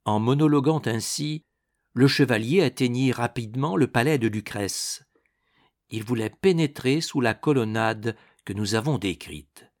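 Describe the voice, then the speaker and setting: A man narrating an adventure novel as an audiobook, with dramatic, expressive storytelling. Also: mid-range voice, unhurried.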